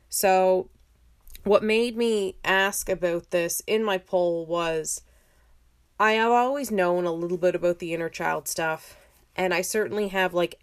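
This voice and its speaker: A woman in her thirties with a slightly low voice talks casually as a solo podcast host. She is reflective and informal, often correcting herself as she goes. It is a home recording made in a bathroom. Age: 30s. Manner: informal, hesitant phrasing with frequent "like" and self-corrections.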